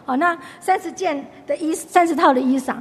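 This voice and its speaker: A woman's voice: high-pitched, brisk, long reverb tail. A woman giving a chatty Bible lesson, retelling the story and restarting her sentences often. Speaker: Bible study teacher. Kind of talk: conversational Bible teaching.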